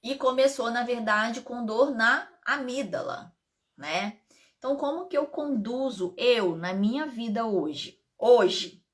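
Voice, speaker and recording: This Brazilian woman, a pharmacist and integrative therapist, takes it slowly as she chats casually with live-stream viewers. Her voice is fairly high and slightly hoarse, and she makes frequent asides.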